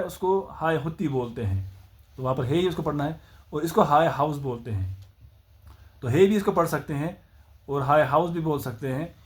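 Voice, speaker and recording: A man with a Kashmiri accent teaching the Urdu alphabet, patiently sounding out each letter and explaining its pronunciation. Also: a little high. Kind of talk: spoken alphabet lesson.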